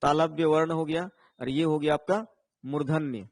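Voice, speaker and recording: During an online exam-prep class, a man with a fairly high, steady voice explains things patiently at a moderate pace. He often checks in with viewers, responds to their comments and ends lines with "है ना"; there's no echo.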